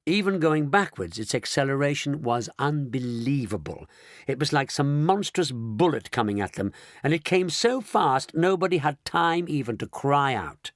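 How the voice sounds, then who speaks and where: A man narrating a children's audiobook in an expressive, dramatic reading style. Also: medium pitch, normal speed, dry recording, clean studio sound. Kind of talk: scripted storybook narration.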